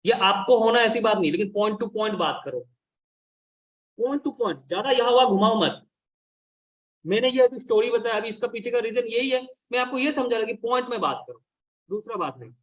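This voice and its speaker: High-voiced blunt man coaching a team. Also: expressive, moderate pace, a bit bright. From India. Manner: blunt, scolding, mixes Hindi and English. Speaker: business consultant and trainer. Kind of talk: training session talk.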